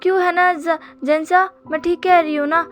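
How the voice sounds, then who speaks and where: A woman voicing a tearful older sister who insists, close to shouting, that her brother will be saved. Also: very high-pitched, fairly even intonation, moderate pace, faint music behind, pitched above the performer's own voice. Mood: desperate. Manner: shouting through tears, insistent.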